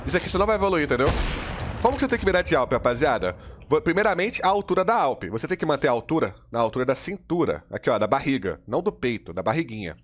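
Quick slangy Brazilian gaming coach. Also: male voice, medium pitch, big pitch swings. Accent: Brazilian Portuguese. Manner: slangy and casual, demonstrating while talking, keeps saying "look" and "you know"; direct, repetitive drilling of steps. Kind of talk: live gameplay tutorial. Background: faint in-game gunfire and mouse clicks.

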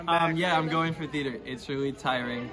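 A man's voice: fairly high pitch, normal speed, fairly bright tone. A young man, a student actor, chatting playfully and joking around. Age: young adult. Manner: playful, jokey. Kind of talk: casual chat. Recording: crowded backstage chatter.

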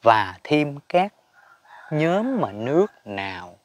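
A man's voice: mid-range voice, sing-song, slow pace, slight background noise. A man giving a casual Buddhist teaching talk, chatty and emphatic, chuckling often. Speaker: spiritual teacher.

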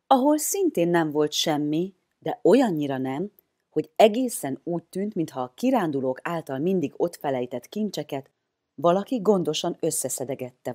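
A woman reading a children's bedtime story aloud in a lively, expressive way, giving the characters voices. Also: sits low.

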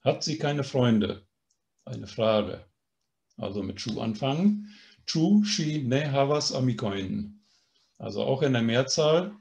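Slow, patient male language teacher. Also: mid-range voice, lively intonation, creaky, darkish tone. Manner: patient, explanatory, often adds a questioning "ne?". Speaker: language course instructor. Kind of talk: online language lesson.

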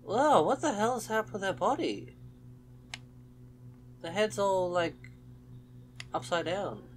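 A man's voice: sits high, animated, a little slow, a little hiss or hum. A young man hosting a horror let's play, commenting as he goes and yelping at the scares. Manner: jumpy, exclaims and yelps at scares.

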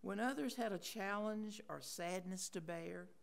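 A woman, reading a homespun, gently humorous tribute to a neighbor at a funeral in a chapel. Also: medium pitch, a little slow, creaky. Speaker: neighbor giving a eulogy.

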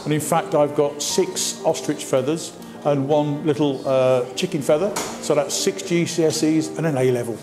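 A man's voice: on the high side, fairly even intonation, moderate pace. An older man giving an emphatic personal account to camera. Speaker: interviewee, town crier. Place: indoors in a hospital corridor. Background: music.

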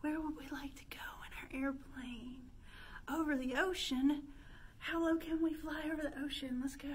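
At normal speed and with a steady tone, a high-voiced librarian in her thirties leads interactive pretend-play storytime for young children, asking them sing-song questions. The setting is an indoor room with a stone fireplace, and a little hiss or hum is audible.

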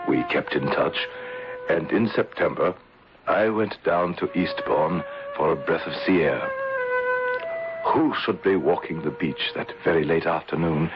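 An actor playing a composed gentleman, narrator and protagonist, with a measured, courteous manner in a 1970s radio drama, on a hissy lo-fi vintage recording. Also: sits low, animated, over music.

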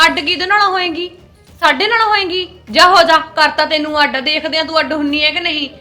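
A woman's voice: high-pitched, steady tone, brisk, pushed and bright, faint music behind. A woman playing a stern elder sister-in-law in a family short film, lecturing and scolding the younger wife.

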